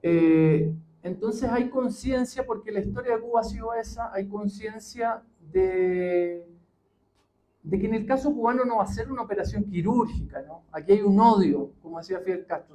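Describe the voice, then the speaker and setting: A history professor giving a public talk, unhurried and full of pauses and fillers. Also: male voice, high-pitched, warm tone, a little hiss or hum, poor audio. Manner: measured, many pauses and fillers.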